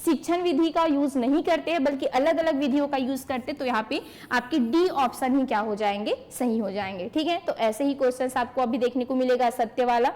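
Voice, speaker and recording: A woman's voice: high-pitched, fairly quick, hardly any pauses, darkish tone. A woman teacher giving an exam-prep lecture to an online class, explaining by asking questions and answering them herself, and answering students by name.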